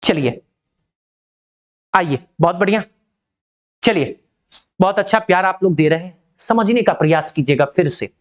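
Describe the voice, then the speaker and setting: A woman's voice: fairly low pitch, expressive, measured pace, pauses often. A woman teaching physics in an online lesson. She asks the class rhetorical questions, keeps checking that they follow, and calls them by fond names. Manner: addresses students affectionately.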